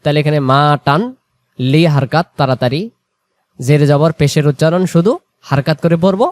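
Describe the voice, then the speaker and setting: A man teaching Quran reading, drawing out example words slowly and then explaining quickly, asking and answering his own questions. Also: fairly high pitch, darkish tone, no room sound. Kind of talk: explanatory lesson.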